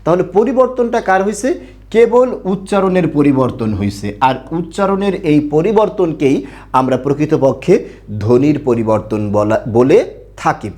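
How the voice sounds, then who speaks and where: A man's voice: fairly high pitch, animated, normal speed, a little mellow. A man teaching an online grammar class, who asks questions and answers them himself and repeats key points. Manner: repeats key points, tells listeners to pay attention.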